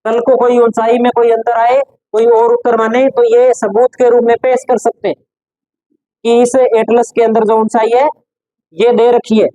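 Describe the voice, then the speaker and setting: Male teacher dictating notes slowly. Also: very high voice, level tone, warm tone, no echo, low-quality recording. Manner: repeats key phrases slowly for note-taking. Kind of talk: classroom lecture dictating notes.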